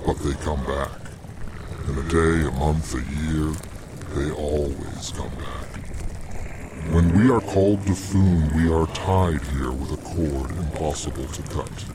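An actor playing a cold, calculating Dark Lord wizard with a measured, pompous delivery in a fantasy audio comedy. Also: male voice, a bass voice. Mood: cold, menacing. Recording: clear background noise under the voice.

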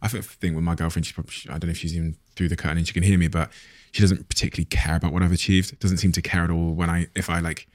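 A man's voice: deep voice, little pitch movement, racing, few pauses. A man talking earnestly on a podcast, reflective and a little hesitant. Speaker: podcast guest. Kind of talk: casual podcast conversation.

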